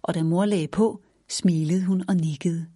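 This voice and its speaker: A woman reads a children's story aloud in a gentle, even way. Her voice sits low with a husky, breathy edge. The recording is close and dry, with no room sound. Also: no echo.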